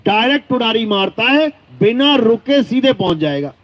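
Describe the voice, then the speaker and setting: A man giving a devotional discourse as a spiritual teacher, slowly chanting verses and then explaining them plainly. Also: extremely high pitch, lively intonation. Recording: dull lo-fi recording.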